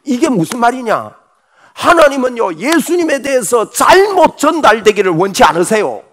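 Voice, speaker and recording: A middle-aged male pastor preaching a Sunday morning sermon fervently, with sudden shouts. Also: very high-pitched, big pitch swings, moderate pace.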